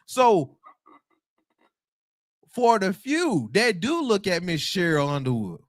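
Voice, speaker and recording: A man in his twenties giving casual, animated commentary on a livestream, slangy and quick to laugh. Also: high-pitched, dry recording, clean studio sound. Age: 20s. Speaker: livestream host.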